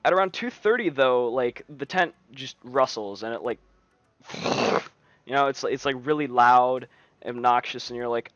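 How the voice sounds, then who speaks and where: A man's voice: mid-range voice, a bit bright, clear, resonant tone, no room sound. A man telling a story to friends on a stream, casual and rambling, often restarting his sentences. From United States. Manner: rambling, frequent restarts and fillers. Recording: dull lo-fi stream mic.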